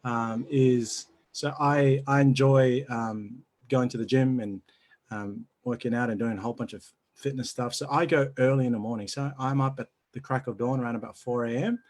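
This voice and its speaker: A man's voice: mid-range voice, fairly even intonation, normal speed, darkish tone. A man in his thirties, born in New Zealand, a church pastor talking easily about his family and work in a casual interview. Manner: easygoing, laughs often. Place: home, video call.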